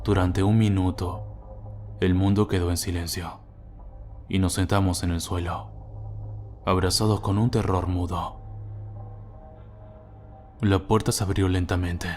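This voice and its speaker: Deep male narrator, steady scripted horror reading over faint music. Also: a little slow, pauses often.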